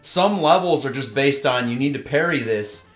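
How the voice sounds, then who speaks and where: Podcast co-host, man, middle pitch, excited and rambling, roomy sound. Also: moderate pace, faint music behind. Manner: enthusiastic, rambling. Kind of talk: casual chat about games.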